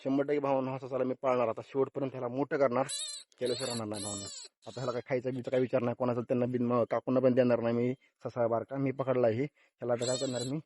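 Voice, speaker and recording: A man's voice: medium pitch, rapid-fire, a little hiss or hum. Chatty young man vlogging in the fields. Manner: excited, chatty, addresses viewers as brothers. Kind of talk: casual outdoor vlog. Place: farm fields outdoors.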